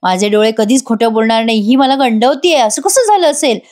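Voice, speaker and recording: Fields: Figure: irritated young husband voiced by a woman. Pitch: high. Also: fairly quick, darkish tone, natural voice. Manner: snapping, accusing.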